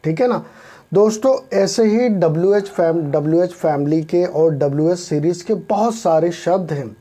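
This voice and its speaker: A man's voice: a little high, normal speed, dark tone. A man teaching an English lesson in Hindi, spelling words out letter by letter and often calling his listeners friends. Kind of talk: spoken language lesson.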